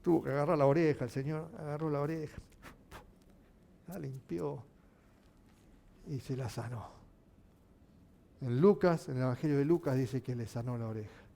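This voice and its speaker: A man's voice: medium pitch, normal speed, gravelly, long pauses, slight background noise. A male pastor preaching a sermon, asking his listeners questions. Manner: animated, asking the congregation questions.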